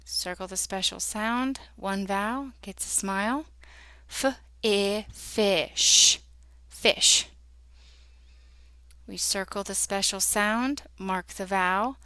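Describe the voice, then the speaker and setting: A woman teaching a phonics lesson, sounding out words letter by letter in a patient, deliberate way. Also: mid-range voice, sharp tone, clean tone, dry recording, studio quality. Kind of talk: slow instructional phonics lesson.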